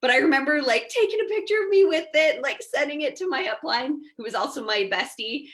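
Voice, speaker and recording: Chatty higher-voiced woman guest. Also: quick pace. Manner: chatty, animated storyteller, peppers speech with "like" and "right?". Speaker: guest, mindset coach. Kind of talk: casual podcast conversation.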